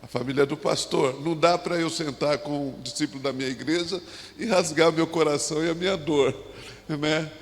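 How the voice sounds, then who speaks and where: A man with a Brazilian Portuguese accent preaching a sermon as a pastor in a church, talking in a halting way with restarts and asides. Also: a little high, a little hiss or hum. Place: church sanctuary. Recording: long hall reverb.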